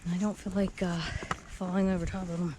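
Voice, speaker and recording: A woman's voice: fairly low pitch, flat delivery, fairly quick. A woman chatting casually and in a rambling way as she hikes, with the slight effort of trudging through snow outdoors. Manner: rambling, talks to her dog and viewers. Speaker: solo hiker vlogger. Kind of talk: casual chat while hiking. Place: outdoors on a snowy trail. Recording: noisy windy outdoor trail recording.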